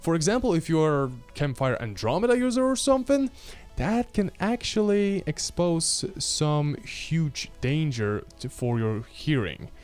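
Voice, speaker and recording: In a small indoor room, a twenty-something video host with a Polish accent gives an informal product review with wry comments. He holds the microphone near his chest, and his voice is a little high and slightly mellow.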